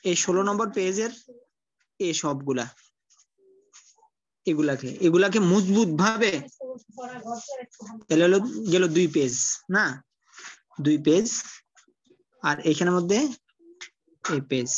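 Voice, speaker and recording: A man teaching Quran recitation in an online class, speaking colloquially, often repeating himself and sounding out syllables slowly. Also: high-pitched, dry recording, lo-fi sound.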